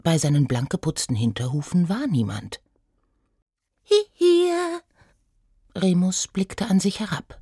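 A woman reading a children's story aloud as narrator, in a slow, lively storytelling manner. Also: low-pitched, husky, dry recording, studio quality.

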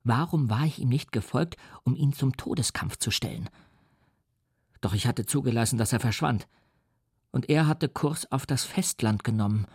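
A man's voice: medium pitch, moderate pace, darkish tone, breathy edge, no room sound, studio quality. Man narrating a gothic audiobook. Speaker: audiobook reader. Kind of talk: scripted first-person narration.

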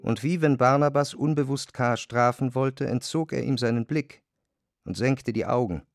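A man narrating a literary radio drama in a measured storytelling voice. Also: mid-range voice, no room sound, clean studio sound, soft background music.

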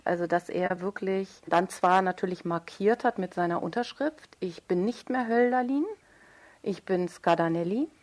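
With a lowish, darkish voice, a woman is interviewed as the writer of a radio play. She reflects on literature thoughtfully and articulately, hunting for exactly the right words.

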